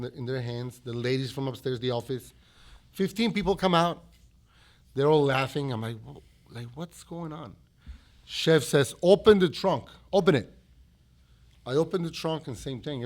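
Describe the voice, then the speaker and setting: A man from Mexico with a Mexican accent, a restaurant owner being interviewed, telling stories animatedly, acting out quotes and restarting his phrases. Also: medium pitch. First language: Spanish. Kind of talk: storytelling interview.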